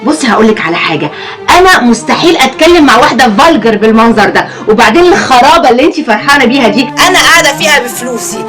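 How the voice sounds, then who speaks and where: Brief: a haughty Egyptian snob, quick and high-pitched. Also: female voice, lively intonation. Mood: contemptuous. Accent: Egyptian Arabic. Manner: haughty, contemptuous. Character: snobbish rich compound woman, disdainful. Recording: TV drama audio with music.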